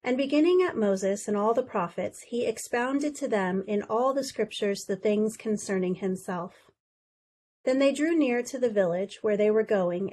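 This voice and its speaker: A woman's voice: on the high side, darkish tone. A woman giving a formal scripture reading and liturgical responses at an evening prayer service.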